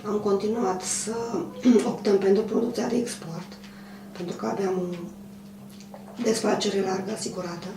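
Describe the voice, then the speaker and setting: A woman in her fifties who runs a clothing manufacturer, answering an interview in a measured, hesitant way with many pauses. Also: mid-range voice, steady tone. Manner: measured, hesitant, frequent pauses and throat clearing. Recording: roomy, distant mic, faint hum.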